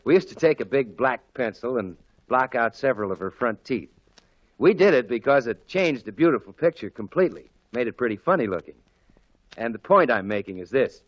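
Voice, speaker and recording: An American man with a medium, slightly bright voice announces on 1940s radio in an emphatic, folksy, salesmanlike scripted style. The old broadcast sounds muffled.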